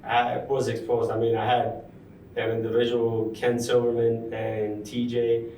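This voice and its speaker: A young construction project superintendent, appearing as a guest, talks through his career in a relaxed, casual interview, thoughtful and full of ums, pauses, and restarts. His pitch is medium. Recorded on a distant mic in a large university-center room, the audio is roomy, with faint ambience and slight hiss or hum.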